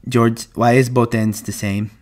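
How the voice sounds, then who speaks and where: A man reading aloud and playing a slow, childlike, timid ranch hand who talks in a soft, hesitant, pleading way. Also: mid-range voice, level tone, close to an everyday voice. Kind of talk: audiobook reading.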